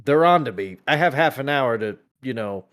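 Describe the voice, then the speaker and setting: A man chats casually and thinks out loud, halting and repeating words as he works through his ideas. His voice sits in the mid-range with lively intonation.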